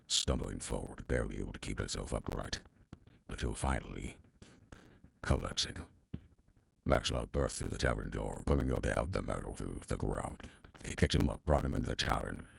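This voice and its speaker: Male narrator, husky and rasping, dry close sound. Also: no room sound. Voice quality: very deep, gravelly, raspy voice. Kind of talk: scripted narration.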